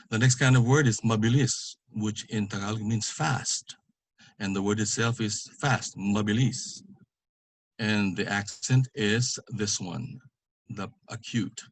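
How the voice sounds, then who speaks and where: Guy teaching a language lesson online, slow and careful, says every word twice, lowish voice, dry sound. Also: husky, dry recording. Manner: slow, careful, repeats words for pronunciation.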